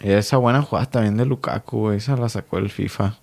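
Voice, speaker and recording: A man's voice: lowish voice, quick pace, gravelly, a little mellow. A young man with a Mexican Spanish accent chatting casually about soccer, joking and swearing in heavy slang.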